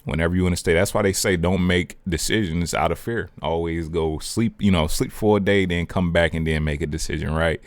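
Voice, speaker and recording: Brief: deep-voiced male host of a spiritual vlog, casual and slangy, digresses and restarts, dry close sound. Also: fairly even intonation, a little fast, few pauses, no room sound. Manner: rambling, digressive, self-interrupting; slangy and conversational. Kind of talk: casual spiritual talk to camera.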